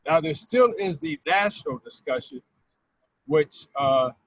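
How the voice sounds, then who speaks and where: A man's voice: fairly high pitch, wildly swooping pitch, unhurried, creaky, no echo. Man calling in on a car speakerphone. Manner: informative, lays out facts and repeats key figures. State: calling in while driving. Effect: car speakerphone call. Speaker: caller. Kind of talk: call-in explanation on a talk show. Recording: muffled phone line from a car.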